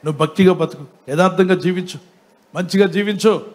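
Preacher doing a patient, wry God, unhurried and indulgent, high-pitched. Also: male voice.

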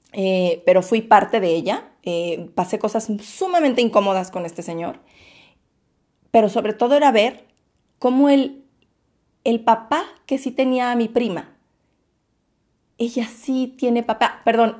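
A woman's voice: on the high side, darkish tone. A woman, a YouTuber, candidly and expressively telling a personal story to her viewers, whom she calls her loves. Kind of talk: storytime vlog.

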